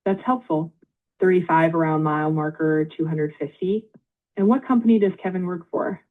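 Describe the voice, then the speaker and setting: Automated phone-line woman's voice, tinny. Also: deep voice. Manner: polite, measured, reads back details. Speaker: AI phone intake agent. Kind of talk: scripted automated phone prompts.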